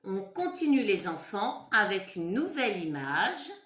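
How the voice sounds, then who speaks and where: A woman's voice: medium pitch, sing-song, measured pace, a bit bright, roomy sound. A woman teacher leading a phonics lesson for young children, spelling out letters one by one and praising the pupils. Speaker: primary school teacher.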